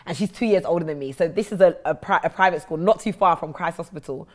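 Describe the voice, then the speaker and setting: A woman's voice: on the low side, fast, darkish tone. A woman with a South London accent telling her own story as an interview guest, acting out remembered exchanges. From South London, England.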